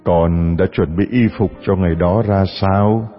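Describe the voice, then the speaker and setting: A man voicing a gentle, wise fairy godmother who speaks calmly and kindly. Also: deep voice, soft background music. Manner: calm, kindly, measured. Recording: dull audio with long reverb.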